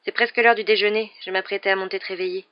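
A woman reading aloud, voicing a tense, nervous teenage boy who is quick to anger. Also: medium pitch, fairly even intonation, dull audio, close to an everyday voice. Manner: tense, loud.

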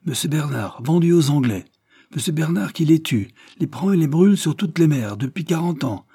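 A man voicing a defiant young male hero in an audiobook, loud and scornful as he rallies townsfolk. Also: fairly high pitch, animated, moderate pace, breathy edge, no echo, studio quality, pitched above the performer's own voice.

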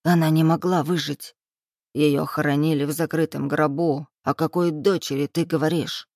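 A reader voicing a cruel, dying older man bound to a bed, hoarse and sneering, in an audiobook. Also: mid-range voice, little pitch movement, moderate pace, darkish tone, no room sound, studio quality, natural voice. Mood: gloating menace. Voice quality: hoarse, wheezing. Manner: sneering, hissing, gloating. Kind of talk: audiobook character voice.

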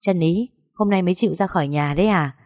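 A woman's voice: on the low side, fast, a little mellow, dry recording, studio quality, lightly acted. A woman reading a chatty, kindly neighbor woman. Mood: friendly.

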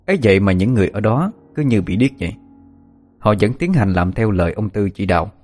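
A man with a low voice tells a dramatic story in steady, scripted narration. He, and faint music plays behind him. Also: brisk, slightly rough.

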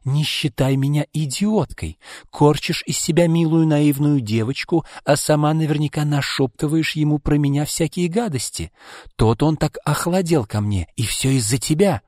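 A man's voice: mid-range voice, lively intonation, normal speed, a little mellow, no echo, studio quality, long reverb tail, voice pushed up, natural voice. A man voicing a spiteful, jealous young woman who sneers and hisses threats. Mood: spiteful, menacing.

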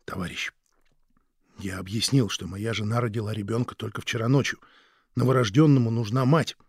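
A man's voice: fairly low pitch, steady tone, a little fast, slightly rough, dry recording, studio quality. Male reader as a desperate young father: sincere, pleading, unadorned. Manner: pleading, earnest.

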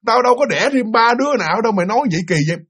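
A man voicing a furious middle-aged father, shouting stammering rebukes at his son. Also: very high voice, animated, very fast, breathy edge, voice pushed up, full character voice.

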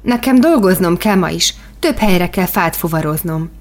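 A woman's voice: on the low side, animated. A woman reading an audiobook and voicing a poor, kind-hearted teenage boy who likes to tease, with a playful delivery. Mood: earnest. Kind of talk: audiobook character voice.

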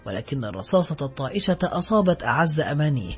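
A man narrating a literary novel as an audiobook in a steady, scripted reading. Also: on the high side, fast talker. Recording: muffled lo-fi recording, faint music.

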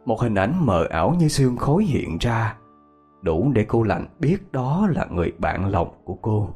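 A man narrates a horror story in a husky voice. His delivery is expressive and full of rise and fall, with soft music underneath. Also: fairly low pitch, normal speed. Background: faint music.

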